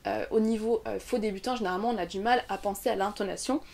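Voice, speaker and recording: Clear explanations and slow example words mark this online English pronunciation lesson from a young French woman. Her voice is medium-pitched, steady and darkish.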